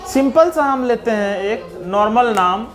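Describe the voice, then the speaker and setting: A man's voice: very high-pitched, lively intonation, unhurried. A man with a Bihari accent teaching young children, patiently spelling out letters and sounds one by one. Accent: Bihari Hindi. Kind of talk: slow classroom explanation for young children.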